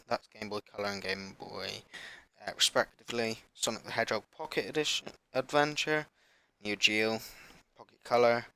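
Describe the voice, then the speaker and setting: A man with a sore throat hosting a gaming channel, rambling and apologetic as he haltingly reads a list in a casual announcement vlog. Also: fairly low pitch, pushed and bright, clean tone.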